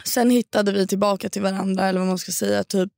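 A woman's voice: medium pitch, steady tone, creaky, darkish tone, no echo, clean studio sound. A young woman from Sweden telling a long story in casual podcast chat, slangy and swearing. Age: young adult. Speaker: podcast co-host.

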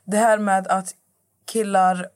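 A woman's voice: mid-range voice, level tone. A woman talking casually as a guest on a podcast, rambling and restarting her sentences as she searches for words. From Middle East. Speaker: guest influencer.

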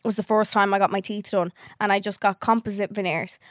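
A woman's voice: mid-range voice, steady tone, a little fast, no room sound, studio quality. A young Irish woman co-hosting a podcast, talking in a chatty, gossipy way with a slight lisp. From Ireland. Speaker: podcast co-host. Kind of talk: casual chat.

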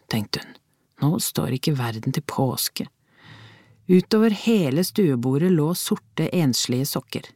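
A woman with a Norwegian accent narrating an audiobook in a calm, measured way. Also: sits low, dry recording, studio quality.

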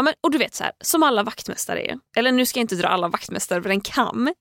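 A woman telling an indignant story in casual chat, animated and swearing as she retells it. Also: medium pitch, vocal fry, no room sound, studio quality.

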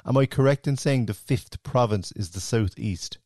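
A man's voice: mid-range voice, normal speed, mellow, no room sound, clean studio sound. A man with an Irish accent hosting a conversational sports interview in an encouraging, effusive way. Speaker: podcast host.

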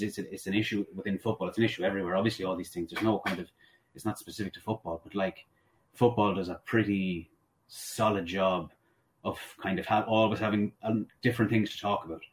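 A man's voice: on the low side, fairly even intonation, brisk, rough recording. A man with a west of Ireland accent chatting casually about sport in a rambling, self-correcting way. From Sligo, west of Ireland. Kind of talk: casual football discussion.

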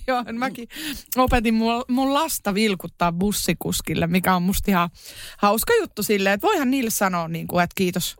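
Young woman podcast cohost, giggly and playful, smooth clear voice, dry mic. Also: mid-range voice, no echo. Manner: giggly, playful, mimics greetings. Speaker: podcast co-host. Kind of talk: casual chat.

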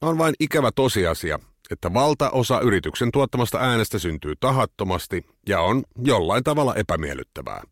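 Low-voiced man reading a reflective essay. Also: sing-song, no echo, clean studio sound. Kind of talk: scripted essay narration.

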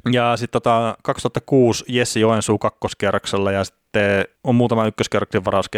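A man's voice: fairly low pitch, no room sound, studio quality. A man in a casual podcast chat about hockey, talking hesitantly with lots of fillers. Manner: hesitant, many filler words.

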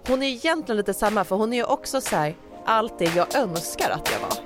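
A woman's voice: a little high, lively intonation, over loud music. A young woman co-hosting a casual chat, talking in a playful, reflective way. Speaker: podcast co-host.

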